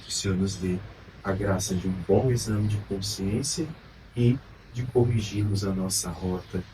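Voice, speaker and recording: Brazilian male priest, earnest exhorting homily, low voice, heard from a distance over steady noise. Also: normal speed. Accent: Brazilian Portuguese. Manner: earnest, exhorting, rhetorical questions. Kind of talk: homily at Mass. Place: church during Mass. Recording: distant mic with background noise.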